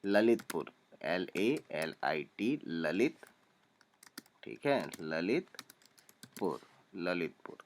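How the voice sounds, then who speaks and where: A young man teaching a spelling lesson, calmly spelling out names letter by letter and repeating each one. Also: deep voice, extremely slow, pauses often.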